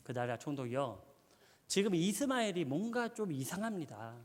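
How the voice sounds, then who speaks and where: A man voicing a worried, loyal male army captain quietly making a warning. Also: on the high side, big pitch swings, normal speed, long reverb tail. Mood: earnest. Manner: hushed, earnest.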